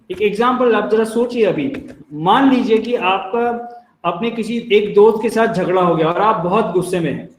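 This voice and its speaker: An Indian man with an Indian accent giving a telecalling training lecture, explaining with everyday examples and calling his listeners friends. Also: high voice. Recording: echoey room.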